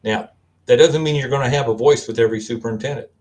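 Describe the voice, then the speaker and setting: A man with a Kentucky accent, a guest on a video-call panel, speaking in a measured, storytelling way. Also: mid-range voice, a little mellow. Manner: measured, storytelling, quotes advice he gives. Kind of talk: casual panel discussion.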